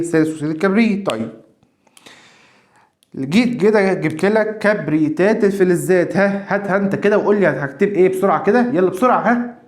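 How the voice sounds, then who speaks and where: A man's voice: high voice, warm tone. A man with an Egyptian accent teaching a chemistry lesson. He keeps repeating his questions so that students can finish them. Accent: Egyptian Arabic. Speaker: science teacher. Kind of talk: classroom lesson video.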